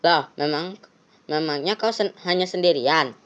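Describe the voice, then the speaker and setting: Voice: mid-range voice, normal speed, fairly bright tone, clear, resonant tone, highs cut off, natural voice. A game streamer voicing a brusque, impatient male police officer in a horror game, reading his lines aloud in a scolding tone. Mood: gruff.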